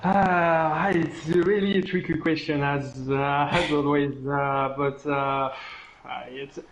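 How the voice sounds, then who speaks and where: A man's voice: on the high side, little pitch movement, slow, a little hiss or hum. A man who is a guest driver, speaking hesitantly with laughs and small grammar slips. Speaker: guest driver, championship contender. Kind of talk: casual chat. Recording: dull lo-fi voice chat audio.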